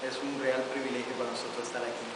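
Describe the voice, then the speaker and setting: A man from France gives a church testimony, pausing with fillers between phrases for his interpreter. His voice sits at a middle pitch and comes from far off in a very echoey church hall. Hiss runs under the recording. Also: level tone. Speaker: guest speaker.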